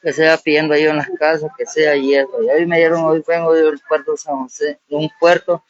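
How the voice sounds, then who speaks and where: An older man from Honduras talks in a plain, rambling way during an outdoor interview. His voice is a little high, and the field audio is muffled. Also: little pitch movement, a little fast, no room sound. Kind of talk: live street interview.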